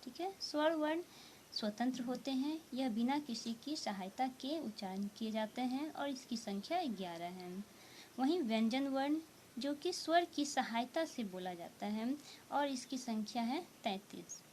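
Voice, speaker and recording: A woman teaching a grammar lesson to students, explaining slowly and repeating each point with frequent check-ins. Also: on the high side, animated, a little mellow, a little hiss or hum. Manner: slow, repetitive explaining with frequent "theek hai" check-ins. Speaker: Hindi teacher.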